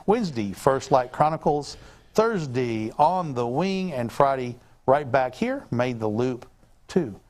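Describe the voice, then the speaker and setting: A man's voice: mid-range voice, expressive, measured pace, a little mellow. A man hosting a casual sales livestream, upbeat and rambling with frequent fillers. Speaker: livestream host.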